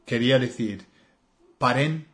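A man with an English accent speaking Spanish, co-hosting a relaxed language lesson, slow and hesitant with many fillers. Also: mid-range voice, crowd noise. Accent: English learner speaking Spanish. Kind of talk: casual conversational lesson.

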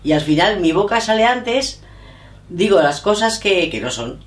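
In a casual chat, this middle-aged interviewee who is learning English speaks in a mid-range voice, animated yet unhurried. She hesitates, thinks aloud and self-corrects, and the room sounds echoey and roomy.

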